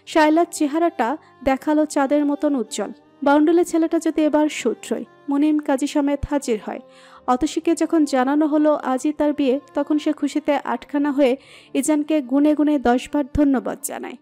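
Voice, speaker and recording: A woman narrating a romantic audio story in a steady, expressive reading. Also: sits high, normal speed. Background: soft background music.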